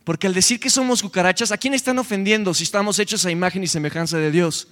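A young Mexican man preaching a lively youth sermon, joking as he retells scripture. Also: high-pitched, fast. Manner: animated, joking, retells scripture in quoted voices. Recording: long hall reverb.

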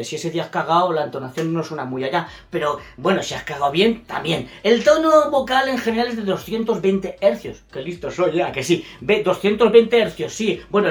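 A man delivering a rambling, self-mocking comic monologue. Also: high voice. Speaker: comedy section presenter.

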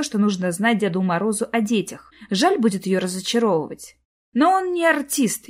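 Lady reading an audiobook, lively storytelling, mid pitch, clear reading. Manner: expressive storytelling. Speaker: audiobook narrator. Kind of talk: scripted narration.

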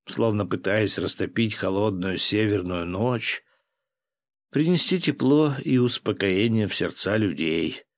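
A male narrator with a low voice reads a historical tale. His delivery is measured and steady, paced for listening. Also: dry recording, studio quality. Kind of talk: audiobook narration of historical fiction.

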